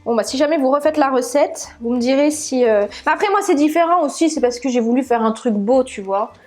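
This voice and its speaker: A woman's voice: high-pitched, brisk, a little mellow, soft background music. A woman hosting a live cooking stream with a put-on southern French accent, chatting casually and thinking aloud as she works in her kitchen, often laughing at her own mistakes. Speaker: cooking channel host.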